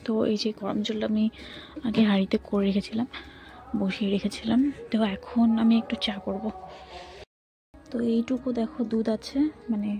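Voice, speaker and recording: A woman chatting casually on a late-night vlog, keeping her voice low so as not to wake the house, her throat a bit strained from the cold. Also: flat delivery, moderate pace, vocal fry, long pauses, warm tone. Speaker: vlogger tending chickens at night. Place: rural home at night, kitchen and chicken shed. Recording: noisy night with clucking chickens.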